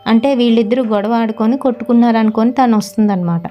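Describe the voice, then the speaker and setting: A woman telling a horror story in a casual, relaxed way, with frequent fillers. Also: fairly high pitch, fast talker, lo-fi sound, faint music behind.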